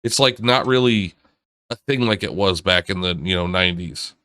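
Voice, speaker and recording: A man's voice: deep voice, moderate pace, pushed and bright, smooth, no echo, clean studio sound. A man co-hosting a gaming podcast in casual chat, rambling eagerly with restarts. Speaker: podcast co-host.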